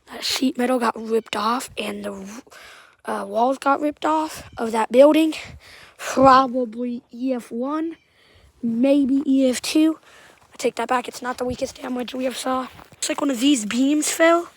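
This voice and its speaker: A woman with a high-pitched, breathy-edged voice and a Southern-sounding accent walks outside through storm damage. Her commentary is halting and rambling, often trailing off quietly.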